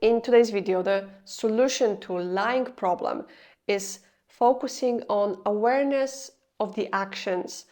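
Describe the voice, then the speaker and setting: A young Polish woman, a video creator, speaks English as a second language with a Polish accent in a scripted explanatory vlog. Her medium-pitched, darkish voice moves a little slowly, and her earnest, confessional delivery carries slightly non-native grammar.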